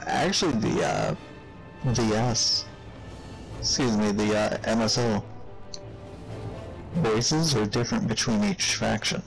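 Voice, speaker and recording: A man talking over voice chat while gaming, hesitant and pausing often. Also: on the low side, vocal fry, faint music behind, rough recording. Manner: hesitant, many pauses and fillers. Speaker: gamer.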